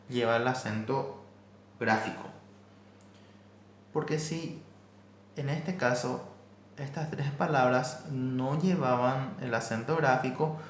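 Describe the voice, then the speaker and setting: A man teaching a language class, explaining slowly and carefully and repeating each example. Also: medium pitch, reverberant. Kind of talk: recorded class lesson.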